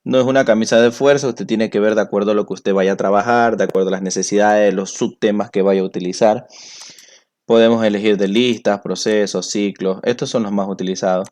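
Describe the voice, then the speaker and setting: A man walks students through a software tutorial. He explains each step patiently, one click at a time, as a teacher would to a class. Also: lowish voice, fairly even intonation, brisk. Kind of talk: screen-recorded software tutorial.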